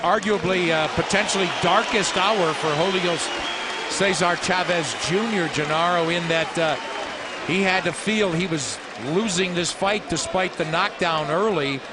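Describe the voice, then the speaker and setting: A man's voice: high voice, unhurried. A man calling a fight live on television as play-by-play commentator. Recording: loud arena crowd noise behind.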